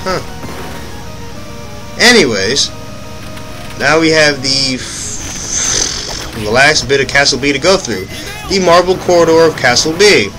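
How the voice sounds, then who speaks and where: Slow and pausing often, a young let's play commentator offers casual, rambling thoughts on his gameplay, catching and correcting himself mid-sentence with offhand asides. His voice is fairly high and expressive, the audio poor, with game music loud underneath.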